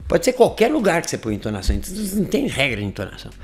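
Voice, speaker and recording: Brief: animated male Brazilian teacher, gravelly voice, swings between bright talk and hushed demos, faint music behind. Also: on the high side, racing. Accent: Brazilian Portuguese. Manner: animated and lively, often dropping into a hushed voice to demonstrate. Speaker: English teacher. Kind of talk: informal online lesson.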